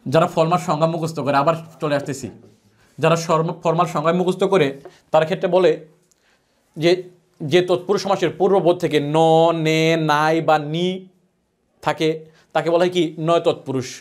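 A man's voice: a little high, steady tone, a little fast, pauses often. A man teaching a grammar lesson, asking questions and answering them himself. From Bangladesh. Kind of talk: classroom lecture.

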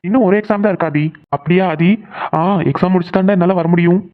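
A man's voice: high-pitched, steady tone, fast, natural voice. A man voicing an easygoing young college student chatting casually with a friend. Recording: tinny phone-like recording.

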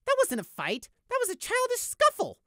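A man voicing a bitter, bloodthirsty young male sheep in an audiobook, talking with shrill, spitting contempt. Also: flat delivery, takes it slowly, pushed and bright, no echo, studio quality, heavily acted. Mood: furious.

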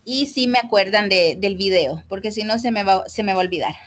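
A woman's voice: mid-range voice, brisk, slight background noise. A woman with a Salvadoran Spanish accent teaching an English class over a video call, switching between Spanish and English and questioning students. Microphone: computer mic on a video call.

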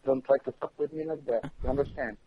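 Phone prank target: a man, husky voice, clipped broken English, heavy swearing, muffled phone sound. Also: medium pitch, steady tone, fast talker, no room sound. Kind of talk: phone call. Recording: dull phone line.

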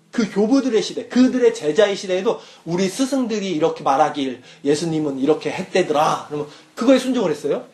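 A man's voice: high-pitched, darkish tone. A young man, a youth pastor, giving a casual sermon to students and often checking whether they follow. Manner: casual teaching, asks listeners questions.

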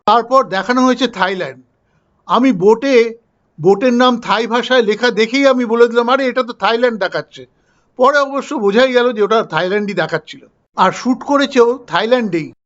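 A man's voice: high-pitched, highs cut off. An older man from India chatting casually in a film review vlog, telling personal anecdotes as he goes.

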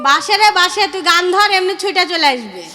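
A woman's voice: very high voice, sing-song, brisk. A woman voicing a comforting village friend in a folk Gambhira radio play, with a Chapainawabganj Bengali accent and a soothing, coaxing manner. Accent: Chapainawabganj Bengali dialect.

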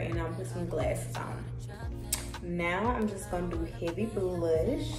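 A woman vlogger in casual chat at home, easygoing and slangy as she talks to her viewers. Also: on the low side. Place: home indoors. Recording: roomy, from a distance, faint music. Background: faint music from a TV.

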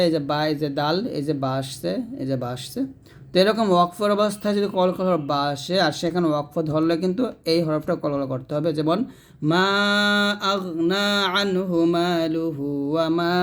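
A man with a Bangladeshi Bengali accent teaching Quran reading. He spells out each letter and syllable slowly, then chants the verses. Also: a little high. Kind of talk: spelling-out recitation lesson.

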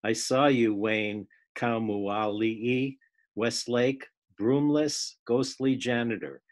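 Slow-reading man on a video call. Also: medium pitch. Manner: unhurried, restarts words, laughs while reading. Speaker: class participant reading a poem. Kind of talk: poetry reading and casual discussion.

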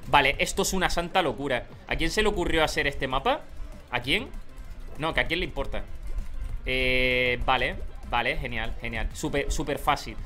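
Young Canarian male streamer, bright, animated delivery, faint game music underneath. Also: mid-range voice, moderate pace. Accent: Canary Islands Spanish. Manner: animated, swings from calm mutters to loud shouting. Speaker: gaming streamer. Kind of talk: excited live gameplay commentary.

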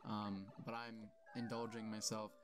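A man's voice: on the low side, level tone, measured pace, noisy background. A young man casually commenting on his gameplay and reading the game's dialogue aloud in his own plain voice, offhand and self-deprecating. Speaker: let's play host.

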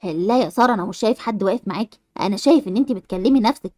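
A woman's voice: medium pitch, rapid-fire, a little mellow, no echo, clean studio sound, voice pushed down, lightly acted. A woman voicing a concerned young male friend who is puzzled by the girl's behavior.

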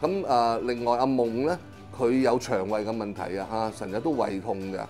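A middle-aged Hong Kong man with a Cantonese accent practises Chinese medicine and describes his work in an interview, often pausing on long, stretched-out fillers. His mid-range voice has a darkish tone, with faint music playing in the background. He is in a small clinic consulting room.

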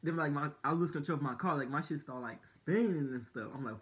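A man's voice: fairly high pitch, fairly quick. Young guy rambling thru a story, says like and dude a lot, kinda muffled lo-fi sound. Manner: rambling, many "like" and "dude" fillers, slangy. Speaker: vlogger. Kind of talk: casual storytelling to camera.

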